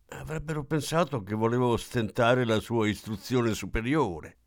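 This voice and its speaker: Brief: male narrator, deepish voice, measured literary reading, dry close sound. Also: no echo. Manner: measured, even storytelling.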